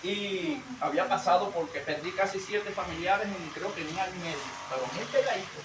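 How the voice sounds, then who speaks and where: A man preaching a sermon and telling a testimony, swinging between loud emphatic bursts and low hushed storytelling. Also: fairly quick. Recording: echoey room, distant mic, noisy.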